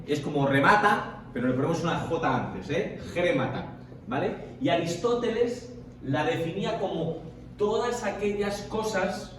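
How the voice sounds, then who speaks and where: A man leading a Bible study group, explaining at length and often checking in with the listeners. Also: a little high. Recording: echoey room, far from the mic, faint noise.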